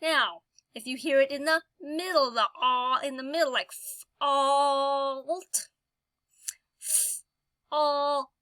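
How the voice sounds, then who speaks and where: A woman teaching a phonics lesson, slowly sounding out vowel sounds and stretching each one out for the learner. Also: high voice, pushed and bright, dry recording. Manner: slow, drawn-out sounding of vowels.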